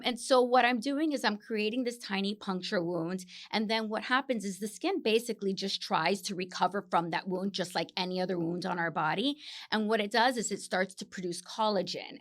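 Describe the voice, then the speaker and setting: A woman's voice: medium pitch, a bit bright. A woman from Miami, a clinical esthetician, answering interview questions with enthusiasm and explaining her work with frequent fillers. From Miami, United States. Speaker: guest, facialist and clinical esthetician.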